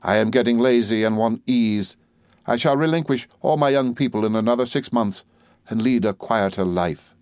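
A man's voice: mid-range voice, normal speed, clean tone, no room sound, pitched above the performer's own voice, natural voice. A man voicing a genial old schoolmaster. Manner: gentle, genial. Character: kindly elderly male schoolmaster, mild and cheerful.

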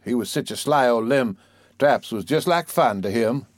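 A man voicing an old storyteller, fond and scolding, dry close sound, middle pitch. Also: moderate pace, no room sound, natural voice. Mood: folksy. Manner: fond, scolding, folksy drawl. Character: old storyteller coaxing a fussy child. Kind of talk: dialect poem recitation.

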